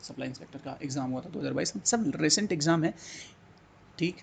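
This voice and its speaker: In a fairly high, expressive and gravelly voice, a man teaches Hindi exam prep at a fast clip, with slight background noise behind him. His style is repetitive, echoing words and coaxing students with questions until they think and respond.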